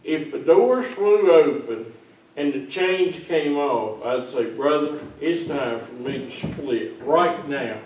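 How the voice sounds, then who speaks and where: With a slightly high, somewhat mellow voice and lively intonation, an older male pastor speaks slowly as he teases and chats through a folksy children's sermon from his seat among the kids. The small church sounds roomy and distant, recorded on a far camera mic.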